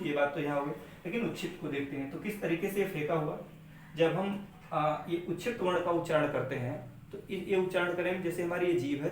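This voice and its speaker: A man teaching a lesson on letter sounds, slowly explaining and answering his own questions. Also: fairly high pitch. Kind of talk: classroom lesson on pronunciation. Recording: far-off mic in echoey room.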